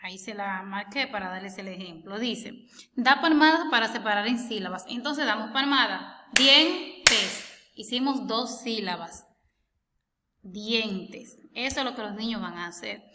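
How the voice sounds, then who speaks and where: A woman's voice: medium pitch, normal speed, in a large hall, background noise. A woman teacher patiently explaining a homework lesson, stretching out words as she sounds them out and asking the listener questions. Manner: asks the listener rhetorical questions.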